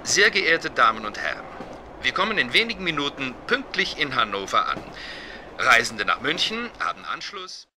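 A man with a very bright, lively voice makes a polite on-board announcement over a PA loudspeaker. His delivery is formal and scripted. Faint noise lies underneath. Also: mid-range voice, normal speed. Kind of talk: scripted textbook listening dialogue.

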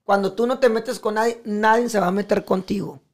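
As a podcast guest in casual conversation, a man with a Mexican accent talks fairly quickly in a high-pitched voice. He's animated and profane, often acting out what other people said.

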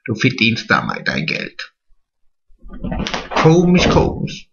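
A man's voice: on the low side, huge pitch swings, slow pace, creaky, a bit bright, lo-fi sound, voice pushed down, full character voice. A man playing a vain, chatty, naive middle-aged woman in a drag comedy monologue, stretching his words. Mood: gossipy.

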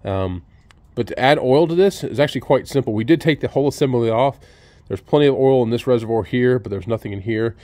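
A man's voice: mid-range voice, quick pace. Man casually explaining a sawmill fix outdoors. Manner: relaxed, explains step by step with fillers. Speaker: sawmill owner showing a repair. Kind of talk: casual how-to demonstration. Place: outdoors at a sawmill under an open shed.

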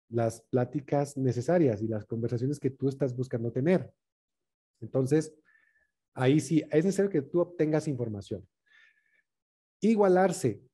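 A man leading a communication workshop in a conversational way, often checking in with quick tag questions. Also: mid-range voice, mellow, slightly rough.

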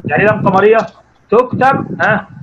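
A man with an Egyptian Arabic accent teaching young pupils online, encouraging them and quizzing them by name, stretching out words slowly as he reads. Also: sits high, highs cut off, background noise. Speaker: primary school Arabic teacher.

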